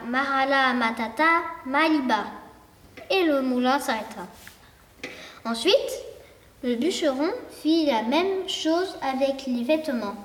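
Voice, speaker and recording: A woman tells a fairy tale in a high, soft voice, taking her time with each sentence. The recording sounds roomy, with a long reverb hanging after her words. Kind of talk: storybook narration. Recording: echoey room with long reverb.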